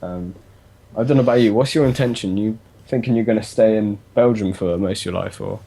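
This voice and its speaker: A man's voice: on the low side, brisk, creaky, warm tone, husky. A man co-hosting a casual podcast, easygoing and hesitant with many um's. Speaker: podcast co-host.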